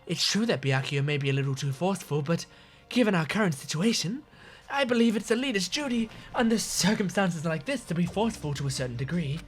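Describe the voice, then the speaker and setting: A game player reading aloud as a polite, formal young princess, pitched above the player's usual voice. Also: expressive, a little fast, soft background music, lightly acted.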